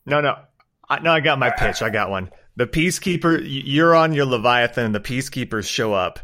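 Bright, tense-toned man, excitable, laughing, stumbling into his points. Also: medium pitch, fairly quick. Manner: excitable, laughs often, stumbles over restarts. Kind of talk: casual chat.

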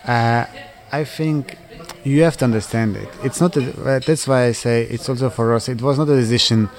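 A man from Switzerland in his thirties, answering interview questions in halting non-native English full of fillers and restarts. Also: medium pitch. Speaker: interviewee, footballer.

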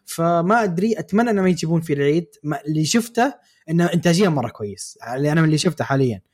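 A frank, teasing man, speaking quickly in a slightly high voice as he gives his opinions to the other hosts. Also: expressive, darkish tone. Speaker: podcast co-host. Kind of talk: casual chat about anime.

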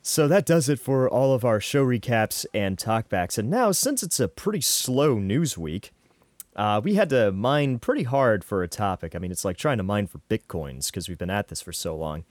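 A middle-aged man with a fairly low voice hosts a casual podcast. He talks in a joking, conversational way with hesitant phrasing, and the sound is close and dry. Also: big pitch swings, normal speed, dry recording. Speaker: podcast host.

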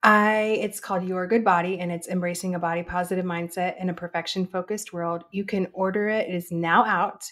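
A woman's voice: fairly low pitch, steady tone, brisk, hardly any pauses, fairly bright tone. A woman guest on an interview show, talking in a bubbly, giggly way with many fillers. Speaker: guest author and fitness instructor. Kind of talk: casual interview.

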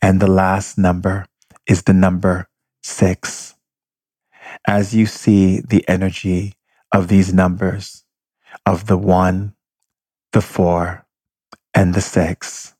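A man leading a guided meditation with slow, calm instructions. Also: deep voice, no echo.

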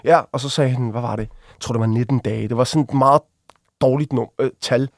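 A man, a guest on an interview, telling a personal story casually, with halting restarts and vivid acted-out quotes. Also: mid-range voice, fairly even intonation, dry recording, clean studio sound. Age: adult. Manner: vivid, acts out quoted voices while retelling.

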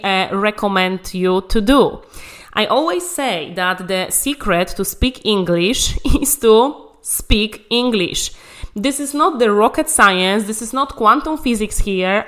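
Here a woman with a medium pitch and a somewhat bright tone coaches English conversation. Polish is her first language, and she delivers a motivational talk on learning the language, emphatic and encouraging, returning again and again to key phrases.

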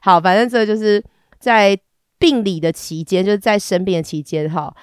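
A woman hosting a podcast. She sounds hoarse and congested, and she chats in a frank, bawdy, giggly and rambling way. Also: mid-range voice, normal speed, dry recording, studio quality. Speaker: podcast host. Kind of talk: casual solo podcast chat.

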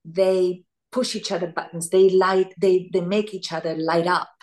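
A woman from Italy, an actress talking as an interview guest, thoughtful and animated, often searching for words. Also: on the low side, moderate pace. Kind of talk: casual interview chat.

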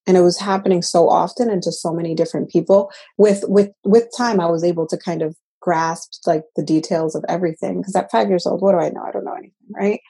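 A woman from the Dominican Republic talks as an interview guest, reflective and earnest, circling back over her words. Her voice sits a little low, with a mellow, darker tone and a husky, breathy edge. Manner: reflective, earnest, with many restarts. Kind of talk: personal interview.

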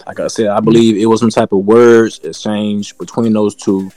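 A man's voice: lowish voice, level tone, moderate pace, mellow, dry recording, soft background music. A man co-hosting a casual sports talk show, rambling and leaning heavily on "you know" and "like I said".

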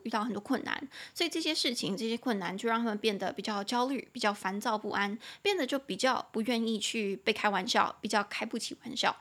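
A woman with a Taiwanese Mandarin accent hosting a bilingual English lesson podcast, chatty and opinionated, spelling words out slowly letter by letter. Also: a little high, fairly bright tone. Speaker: English teacher and podcast host.

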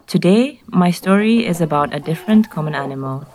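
A woman from Nairobi with a Kenyan accent, narrating a scripted personal story in clear, simple short sentences. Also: on the low side, expressive, brisk, a little mellow.

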